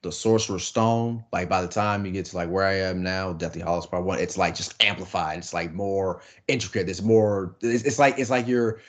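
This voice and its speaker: A man's voice: sits low, steady tone, normal speed, hardly any pauses. A man co-hosting a casual podcast, talking hesitantly with many restarts. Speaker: podcast co-host. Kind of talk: casual chat.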